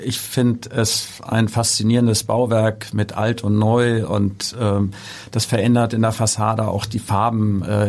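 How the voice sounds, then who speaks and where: A man's voice: fairly low pitch, gravelly, darkish tone. A middle-aged man answers interview questions in a studio. He speaks thoughtfully and stops often to hesitate with fillers. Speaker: guest, construction company executive. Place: podcast studio.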